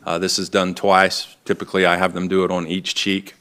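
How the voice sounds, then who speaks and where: A man's voice: sits low, completely flat delivery, brisk, a bit bright, clean tone. A man testifying in court as a lead detective, polite, formal and matter-of-fact in his answers. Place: indoor courtroom.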